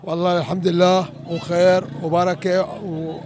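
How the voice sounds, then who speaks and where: A man's voice: sits high, flat delivery, normal speed, a little mellow. A man with an Iraqi Arabic accent answers casually as a quiz contestant on the street, hesitating and repeating words. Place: outdoors on a city street. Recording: street recording with faint crowd.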